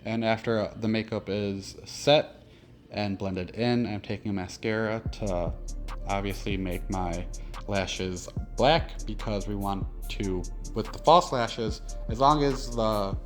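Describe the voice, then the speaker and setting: A man's voice: fairly low pitch, fairly even intonation, slow, faint music behind. A man with a lisp and slushy s sounds, giving a casual, conversational step-by-step makeup tutorial as a drag performer.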